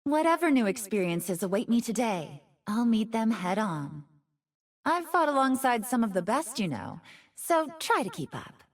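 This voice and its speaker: High, expressive fox spirit Ahri. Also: female voice, normal speed, recorded from a distance. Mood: earnest, hopeful. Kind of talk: game character voice lines.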